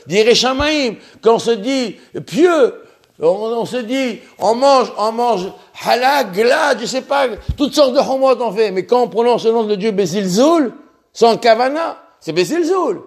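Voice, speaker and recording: A man giving a religious lesson on prayer, impassioned, repeating himself and slowly sounding out Hebrew syllables. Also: extremely high pitch. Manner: impassioned, repeats himself, stumbles and restarts words. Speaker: rabbi teaching on prayer.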